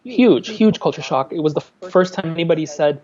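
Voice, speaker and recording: Speaking a little fast in a slightly high, darkish voice, a Miami artist in his thirties talks candidly as an interview guest. He frequently starts his sentences over during the conversational exchange. The sound is lo-fi.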